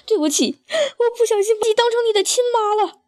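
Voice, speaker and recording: Woman voicing a tearful middle-aged stepmother, pleading tone, pitched high, for a storybook read-aloud. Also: animated, fairly quick, a little mellow.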